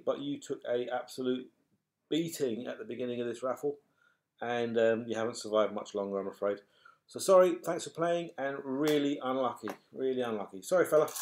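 A middle-aged British man with a medium-pitched voice calls raffle balls bingo-style, announcing numbers and names in a chatty, matey way and apologizing to the players. He's in a small furnished room at home, indoors, and the webcam recording is noisy with clatter.

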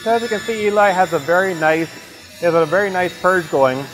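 A man's voice: high-pitched, brisk, a bit bright, low-quality recording. A man with a Canadian accent gives unscripted commentary in a fabrication shop, explaining a welding process step by step with fillers and restarts. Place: large industrial fabrication shop, indoors. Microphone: handheld or lapel mic. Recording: background music under voice.

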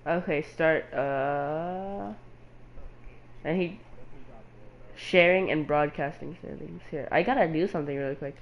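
A man's voice: on the high side, a little slow, creaky, pauses often, dull audio, slight background noise. A man hosting his own game stream, talking aloud in a scattered way as he works through settings and menus. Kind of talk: casual gaming chat.

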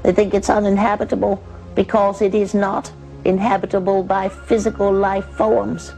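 A serene female spirit from another world, as a woman channels her, speaking slow and measured with a dark, gravelly undertone. Heard in an old documentary clip with faint music underneath. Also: mid-range voice, flat delivery, close to an everyday voice, poor audio. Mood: instructive. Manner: slow, measured, gently instructive.

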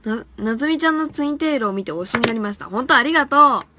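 A young woman with a slightly high voice chats casually on her live stream. She reads viewer comments and answers them. She giggles often and trips over tongue twisters as she goes. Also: expressive, rapid-fire, background noise. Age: young adult. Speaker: live-stream idol host.

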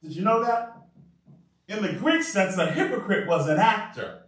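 A male pastor preaching a sermon in an animated way, calling out to the congregation for responses. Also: high-pitched, moderate pace. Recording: very echoey room, mic far off.

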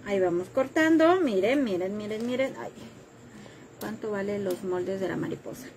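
A woman's voice: mid-range voice, animated, normal speed, a little mellow, a little hiss or hum. A woman hosting a live craft tutorial, chatting with viewers and joking about herself while she cuts. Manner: chatty and self-deprecating, reads viewer comments while working.

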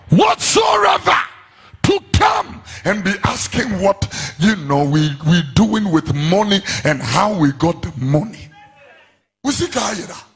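In a large church hall, a middle-aged pastor with a Ghanaian accent shouts a fiery sermon into a handheld mic, using sing-song refrains. His voice is high, with vocal fry and a breathy edge.

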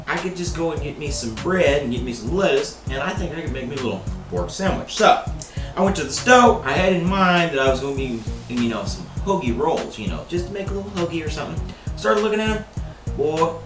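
A man's voice: on the high side, far from the mic. A young man hosting a casual cooking vlog in his home kitchen, rambling and joking as he talks to the viewer. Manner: joking, rambling, calls viewer baby and sir. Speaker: cooking show host. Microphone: camera mic at a distance. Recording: roomy kitchen sound from off-mic.

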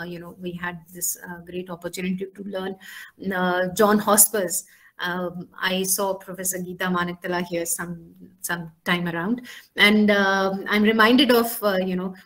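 A woman gives an academic philosophy lecture, pausing often with fillers. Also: mid-range voice, fairly bright tone. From India. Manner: frequent hesitations with "uh" and "you know".

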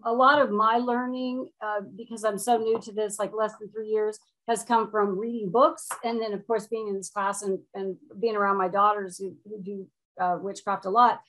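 A woman's voice: medium pitch, flat delivery, moderate pace, hardly any pauses, a bit bright, low-quality recording. Chatty older woman from Florida. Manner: chatty, self-deprecating, rambling. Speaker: student. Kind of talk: casual chat. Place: home room. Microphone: video call.

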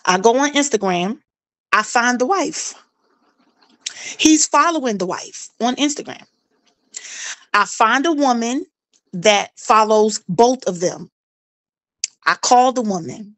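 A woman's voice: fairly high pitch, lively intonation, slow, pauses often, fairly bright tone, no room sound. A middle-aged woman tells her own story in casual chat. She talks animatedly, acting out quoted dialogue and repeating phrases for emphasis. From South Carolina, US.

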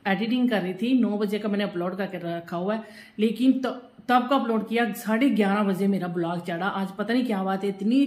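A woman's voice: mid-range voice, brisk, darkish tone. A middle-aged woman chatting casually in a home vlog while she does kitchen chores, rambling from one topic to the next, at times drifting away from the phone. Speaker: vlogger.

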